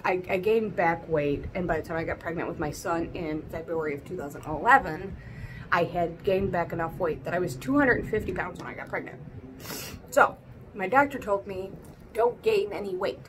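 An American woman in her twenties telling a personal story to camera in a halting, throat-clearing way, emotional as if she has been crying. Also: on the low side, fairly bright tone, slight background noise, rough recording. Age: 20s. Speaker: vlogger. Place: small room at home, indoors.

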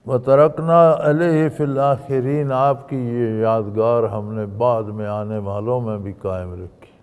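A man in his eighties from Pakistan, a Sufi sheikh giving a sermon, reciting Quranic verses and swinging between loud emphasis and quiet narration. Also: medium pitch, fairly even intonation, clean tone. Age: 80s. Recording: long reverb, hall.

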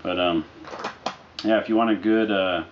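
Casual male reviewer, deep voice, laid-back and halting, lo-fi living-room camera sound. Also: steady tone. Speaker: product reviewer. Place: living room, indoors, on a couch. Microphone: camera mic a short distance away. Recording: dull lo-fi audio with noticeable background noise.

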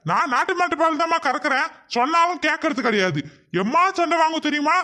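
A man's voice: very high-pitched, expressive, a little fast, sharp tone, exaggerated voice. A man voicing a pushy village milkman who scolds and demands his money in a cartoon. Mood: demanding. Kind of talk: cartoon voice acting.

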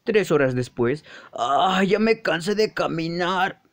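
A man's voice: high voice, lively intonation, slow pace. A man doing a playful voice-over for a game parody, making his own sound effects. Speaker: YouTuber.

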